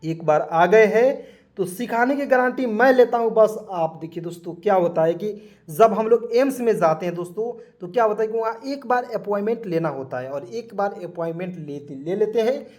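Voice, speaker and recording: A man's voice: high voice, animated, moderate pace. A man teaching beginners English in a spoken lesson, repeating each word and quizzing the viewers as he goes. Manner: addresses the viewers as friends again and again.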